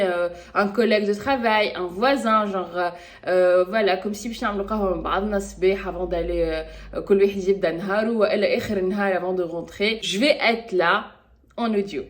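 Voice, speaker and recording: A Tunisian woman with a Tunisian accent, chatting casually and spontaneously in a podcast vlog, hesitating often and mixing French with Tunisian Arabic. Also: mid-range voice. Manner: switches freely between French and Tunisian Arabic. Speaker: podcast vlogger. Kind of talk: casual chat.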